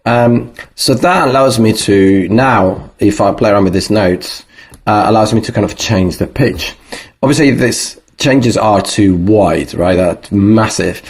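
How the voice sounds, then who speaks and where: A man's voice: lowish voice, a little slow, slightly rough. A man talking through a music production tutorial in a loose, thinking-aloud way, with plenty of fillers. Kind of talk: casual screen-recorded tutorial.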